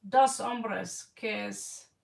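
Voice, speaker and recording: Halting Spanish, slow-speaking woman. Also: medium pitch, vocal fry, a little mellow. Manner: halting, searching for words in broken Spanish. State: a little tired. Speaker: tarot card reader. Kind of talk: casual, informal one-on-one reading. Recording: distant mic with faint background noise.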